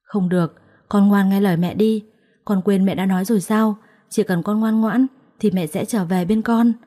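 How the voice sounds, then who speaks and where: A woman voicing a gentle, sorrowful mother soothing her daughter in a storybook. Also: mid-range voice, fairly even intonation, normal speed, close to an everyday voice. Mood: tender. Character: tender, sorrowful mother, young adult woman.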